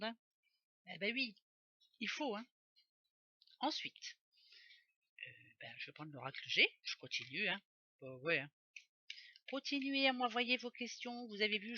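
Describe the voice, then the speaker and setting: A woman's voice: mid-range voice, pushed and bright, dry recording, dull audio. A woman doing a casual oracle card reading for her viewers, chatty and rambling, often correcting herself aloud. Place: home office.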